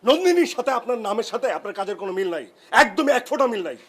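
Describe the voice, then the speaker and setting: A man's voice: extremely high pitch, sing-song, very fast, a bit bright, heavily acted. An actor playing an irritable young man neighbour who bluntly scolds the woman next door. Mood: scolding. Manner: scolding, blunt, mixes in English. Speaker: annoyed neighbour, guitar player. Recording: echoey room with music.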